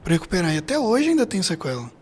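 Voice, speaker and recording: Brazilian male, middle-aged, rough hoarse gravel in the voice, conversational storyteller for an interview. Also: sits high, wildly swooping pitch, rapid-fire, a little mellow. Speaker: podcast guest. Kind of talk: personal storytelling in a casual interview.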